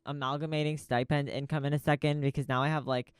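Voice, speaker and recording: Smooth-voiced man rambling on a podcast. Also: fairly high pitch, little pitch movement, quick pace, no echo, clean studio sound. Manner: rambling, profane, stream-of-consciousness info dump. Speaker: podcast host. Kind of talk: casual rambling monologue. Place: small library recording studio.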